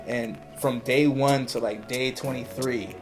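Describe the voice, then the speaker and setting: A man's voice: mid-range voice, unhurried. Young man, from New York, podcast co-host, laid-back motivational chat, music underneath. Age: young adult. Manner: relaxed, motivational, peppered with "you know".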